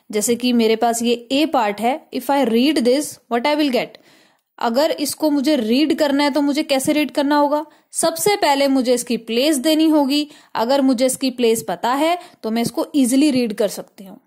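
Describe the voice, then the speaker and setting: A woman with an Indian accent teaching a math lesson step by step, mixing English words in and often checking "clear?". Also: high-pitched, darkish tone. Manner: mixes English terms into Hindi.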